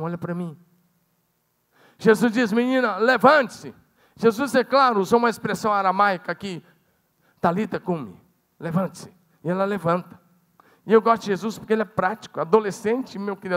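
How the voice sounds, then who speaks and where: A Brazilian Portuguese-speaking man preaching a sermon as pastor, swinging dramatically between loud calls and hushed, low passages. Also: brisk. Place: church sanctuary. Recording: long church hall reverb.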